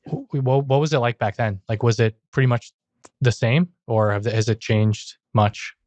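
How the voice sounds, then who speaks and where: A man's voice: medium pitch, steady tone, moderate pace, a little mellow, dry recording. A young man hosting a podcast, chatting and asking questions in a casual, talkative way. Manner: chatty, questioning, uses "like" often. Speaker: podcast host.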